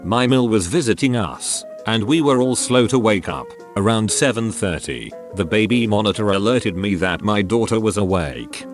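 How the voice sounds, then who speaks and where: A man narrating online posts in a lively, expressive reading. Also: fairly low pitch. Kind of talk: scripted narration. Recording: faint background music.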